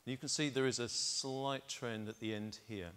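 A man's voice: mid-range voice, fairly even intonation, normal speed, fairly bright tone, smooth. A middle-aged man on a conference stage, talking into a lapel mic and walking the audience through test data step by step. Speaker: keynote speaker. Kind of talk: conference keynote presentation.

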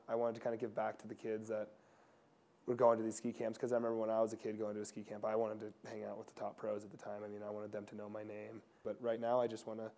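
Soft-spoken young man, smooth low voice. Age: young adult. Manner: casual, soft-spoken, many fillers and restarts. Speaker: pro skier interviewee. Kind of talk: reflective interview answers. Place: indoor lodge room.

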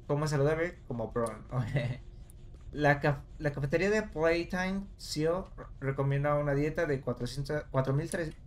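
Male gamer, relaxed let's-play chatter, mid pitch, faint hiss behind. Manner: casual, talks to viewers while puzzling aloud. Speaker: gameplay commentator.

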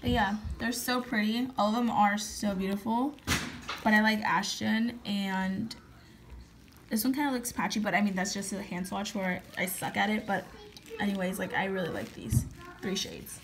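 Against a noisy background, a twenties-aged beauty vlogger records on her phone in her home kitchen, chatting to viewers about a shopping haul. Her voice is medium-pitched with fairly even intonation at normal speed, and her chatty, direct talk is full of fillers.

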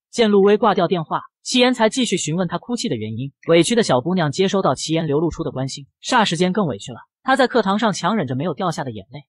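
A man narrating a romance comic story in a quick, lively storytelling manner. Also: sits high, husky, no room sound, studio quality.

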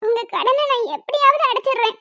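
A woman's voice: extremely high pitch, a little fast, pushed and bright, exaggerated voice. A woman voicing a young female dance teacher in a cartoon, earnest and pleading yet defiant. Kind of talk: cartoon voice dubbing. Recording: dull lo-fi.

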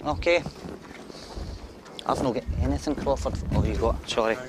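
A man's voice: medium pitch, normal speed. A middle-aged man with a broad Scottish accent from Glasgow, a paramedic talking in a familiar, reassuring and teasing way. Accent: broad Glaswegian Scottish. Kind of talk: casual reassuring talk with a patient. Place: on calls, in ambulance and a home. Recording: noisy ambulance, vehicle and siren sounds.

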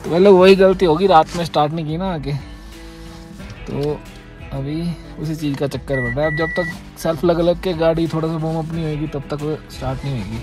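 A man's voice: fairly high pitch, steady tone, a little fast, poor audio. A man making a casual travel vlog outdoors in the cold, chatting as he coaxes his car to start. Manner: chatty, coaxing the car along. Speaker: travel vlogger. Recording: background music under the voice.

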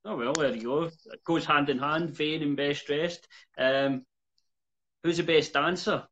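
A man's voice: a little high, fairly even intonation, unhurried, a bit bright. A young man interviewing a fighter over a video call, easygoing and laughing along. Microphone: video call with earphones. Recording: dull lo-fi call audio.

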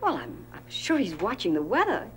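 An older actress playing a soft-spoken, anxious mother and grandmother. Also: medium pitch, wildly swooping pitch, moderate pace, a little hiss or hum. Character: caring, anxious family matriarch. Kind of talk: 1970s TV movie acting.

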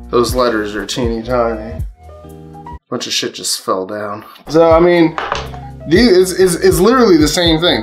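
A man from Pennsylvania chatting casually to his camera at home, swearing freely and laughing between thoughts. His voice sits in an ordinary middle pitch, and he often trips over his words and restarts. A faint strain of music sits behind him. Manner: loose, profane, laughs often, restarts mid-sentence. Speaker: cannabis vlogger host. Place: indoors at home.

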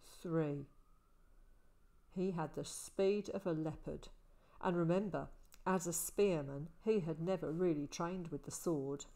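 A woman reading the part of a calm older male ranger, speaking quietly and soberly. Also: low-pitched, slow. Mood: storytelling.

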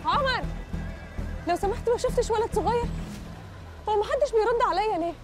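An actress with an Egyptian accent playing a frantic young woman searching for her lost little brother, pleading and quick to snap back. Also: very high-pitched, over music. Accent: Egyptian Arabic.

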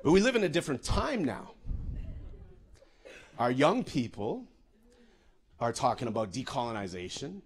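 A man from Canada giving a comedic storytelling talk, animated and full of restarts and repeated words. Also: mid-range voice, normal speed, long pauses, husky. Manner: animated, many restarts and repetitions. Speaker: public speaker.

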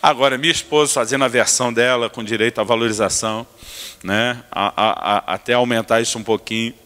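Bright-voiced pastor in a reverberant church. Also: male voice, medium pitch, brisk. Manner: animated, acts out family scenes with comic asides. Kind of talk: humorous sermon storytelling. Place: church sanctuary. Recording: long reverb of a church hall.

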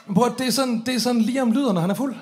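A man performing a stand-up story on stage, swearing freely and acting out the drunk voices of the people in it. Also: very high-pitched. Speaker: comedian telling a story on stage.

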